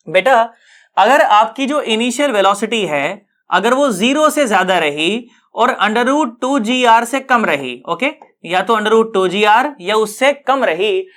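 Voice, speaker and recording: Very high-pitched and a bit bright, this man teaches physics online in a casual, joking way. English physics terms pop up in his speech, and he repeatedly asks students if they follow.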